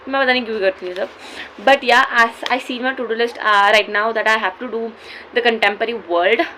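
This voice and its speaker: A woman's voice: fairly high pitch, slow pace, pushed and bright, slight background noise. A teenage girl with an Indian accent chatting casually in a study vlog, mixing Hindi and English and mocking herself. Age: teens. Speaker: student vlogger.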